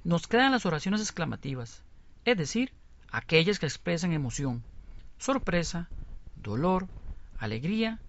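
A co-presenter of a scripted radio lesson, explaining examples in a lively way. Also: medium pitch, normal speed, pauses often, no echo. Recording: dull lo-fi recording.

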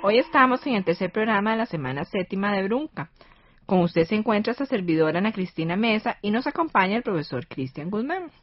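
A woman's voice: mid-range voice, lively intonation, a little fast, dull audio, faint music behind. A woman with a Costa Rican accent hosting a scripted educational radio lesson.

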